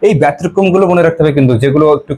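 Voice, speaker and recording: This male teacher from West Bengal, India, speaks a little high with a mellow tone while giving an English grammar lesson. He asks the pupils questions, repeats their answers, and reads examples in English slowly.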